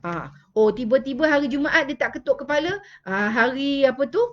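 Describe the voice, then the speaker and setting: Malaysian woman host, relaxed live-stream chat with viewers, higher voice, dull lo-fi sound. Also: fairly quick. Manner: chatty, answers viewer comments, mixes in English. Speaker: child behavior specialist hosting a live stream.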